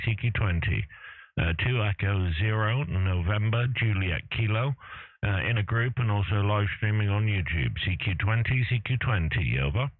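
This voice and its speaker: A man's voice: on the low side, dry recording. Man calling over tinny shortwave radio. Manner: steady repetitive call-sign spelling with hesitant uhs. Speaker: ham radio operator. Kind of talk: calling CQ on air. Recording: tinny narrow radio sound, dry.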